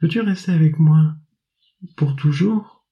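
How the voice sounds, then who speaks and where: Man doing a high cheerful little girl. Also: a little slow, lo-fi sound. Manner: high, bright and lively.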